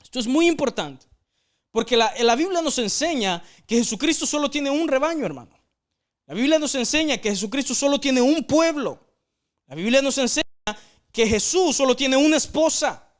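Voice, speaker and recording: High-voiced man teaching a Bible study. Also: lively intonation, moderate pace. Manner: earnest, repeats "hermano" often; emphatic repetition of phrases.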